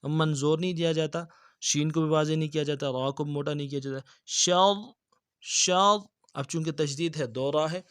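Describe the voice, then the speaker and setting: A man teaching tajweed, reciting verses slowly and drawn out, then explaining briskly and repeating words for the learner. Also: a little high, flat delivery, clean tone, dry recording, clean studio sound. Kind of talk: tajweed lesson with slow recitation.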